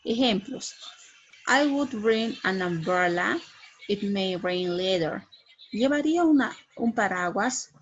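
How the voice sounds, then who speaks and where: A woman's voice: mid-range voice, animated, slow, breathy edge, lo-fi sound. A middle-aged woman giving an English grammar lesson, explaining patiently and checking in with frequent tag questions. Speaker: English teacher.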